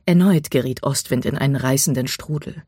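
An audiobook narrator reading a dramatic story, dropping to a hush at tense moments. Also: mid-range voice, fairly quick, slightly rough, no room sound, studio quality.

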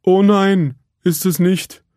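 A man reading a storybook aloud, voicing a big, clumsy, good-natured male wrecker who speaks in a slow, simple-minded, earnest way. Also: sits high, steady tone, a little mellow, no echo, studio quality, pitched above the performer's own voice. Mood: stern, lecturing.

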